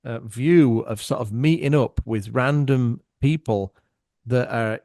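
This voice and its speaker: A middle-aged man talks as a podcast guest in a dry, close-miked voice of middling pitch. He tells his stories with animation and casual swearing, shifting his voice to act out other people. His tone stays loose and conversational. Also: takes it slowly, darkish tone, no room sound. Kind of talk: casual storytelling chat.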